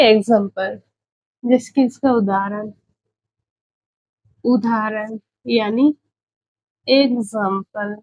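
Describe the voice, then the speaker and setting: During an exam-prep spelling lesson, a woman with a highish voice repeats each example word several times as she writes and keeps checking in with students she calls "बच्चे". The recording is dull and lo-fi, without echo.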